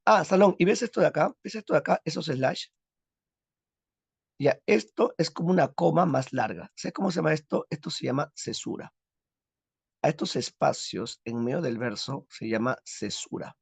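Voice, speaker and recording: A man's voice: fairly high pitch, lively intonation, moderate pace, gravelly, slightly rough, no echo. A man teaching a literature class, who drills the students with questions and answers them himself. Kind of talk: recorded class lesson. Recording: dull lo-fi, dry.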